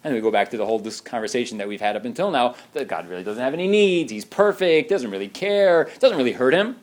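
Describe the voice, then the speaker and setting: A man giving an informal religious talk, animated and given to restarts, acting out the voices he quotes. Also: medium pitch, fast.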